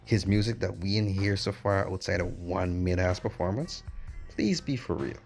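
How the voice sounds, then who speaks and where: A man's voice: low-pitched, normal speed, gravelly, music in the background. A man narrating a sarcastic movie review in a blunt, mocking, slangy way.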